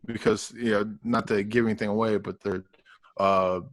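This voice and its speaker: A man co-hosting a film podcast, giving his opinion in a halting way with many ums and uhs. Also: fairly low pitch, flat delivery. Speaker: film reviewer, podcast co-host. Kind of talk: casual podcast chat.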